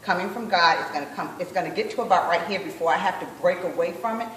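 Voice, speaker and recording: A woman instructor coaching a group rehearsal, encouraging them and slowly repeating phrases as she demonstrates. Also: lowish voice, a bit bright, reverberant, recorded from a distance, slight background noise. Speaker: sign language dance instructor.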